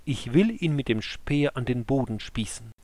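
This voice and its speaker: A man voicing an eager young male soldier in a scripture story, speaking in a hushed, keen way. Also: medium pitch, normal speed, no room sound, close to an everyday voice.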